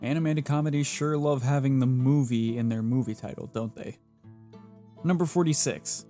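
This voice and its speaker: A scripted trivia countdown is narrated by a man whose voice is mellow, medium in pitch, and at a normal speed. He keeps it playful and jokey, adding wry asides between facts while music plays underneath.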